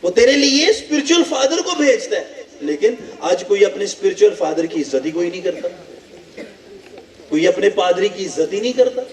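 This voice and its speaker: A male pastor from Pakistan preaching a sermon, animated and repetitive, full of rhetorical questions. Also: high-pitched. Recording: echoey hall from a distance.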